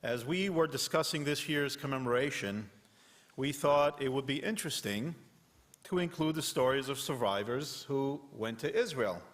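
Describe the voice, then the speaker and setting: Cantor speaking in a reverberant sanctuary. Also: male voice, mid-range voice, lively intonation, normal speed. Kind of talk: storytelling remarks at a ceremony.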